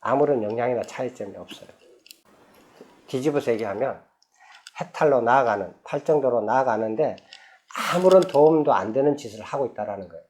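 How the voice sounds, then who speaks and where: A Buddhist monk lectures on a sutra in a man's voice of ordinary pitch. He moves between reading scripture aloud and talking it through casually. Along the way he keeps asking his listeners questions. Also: lively intonation, fairly quick, a little mellow. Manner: conversational, asks the audience rhetorical questions; reads scripture passages aloud, then explains them in plain speech.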